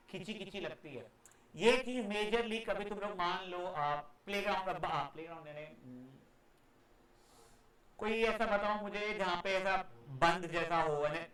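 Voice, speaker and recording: A man teaches a class in a high, sharp voice. He acts out every sound he explains and calls the students "beta." Heavy echo fills the classroom around him. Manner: scolds students loudly at times. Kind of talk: live classroom physics lecture. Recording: very echoey classroom.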